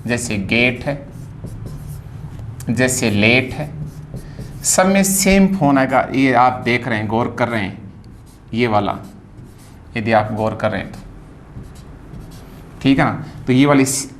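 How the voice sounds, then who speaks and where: A man teaching a phonetics lesson, spelling words out and repeating each sound slowly. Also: medium pitch, fairly bright tone, a little hiss or hum.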